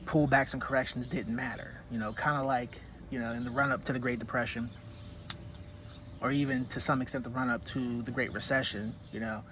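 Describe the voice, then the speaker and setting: Male host, mid-pitched voice, informal opinionated commentary, thinking aloud, clearly noisy recording. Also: steady tone, fairly quick, fairly bright tone. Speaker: whiskey review host. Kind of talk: casual solo commentary.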